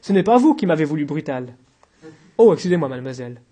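A man voicing a suave, witty male intellectual with a soft, self-assured delivery in an audiobook reading. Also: a little high, sing-song, quick pace, breathy edge. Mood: mocking.

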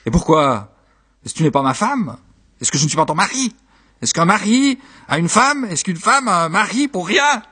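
A man's voice: high-pitched, very animated, moderate pace, bright, forceful tone, husky, pitched above the performer's own voice, heavily acted. A man voicing a poor young husband who grumbles in exasperation about money and children. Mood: exasperated.

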